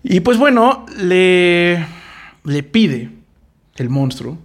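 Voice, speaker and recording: Slangy Mexican man, high lively voice. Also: very slow. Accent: Mexican Spanish. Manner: slangy, profane, laughs often. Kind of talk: casual chat, retelling a story.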